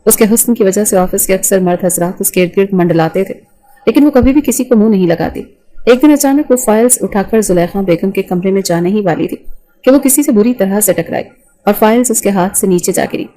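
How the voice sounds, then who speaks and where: A woman narrating a romance novel with an even, storytelling delivery. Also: medium pitch, poor audio.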